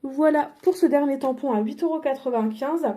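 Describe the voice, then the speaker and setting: Woman chatting through her craft haul, high mellow voice, lots of ums and restarts. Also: fairly quick. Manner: chatty, hesitant, many fillers and self-corrections. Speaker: crafting vlogger. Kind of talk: casual product haul.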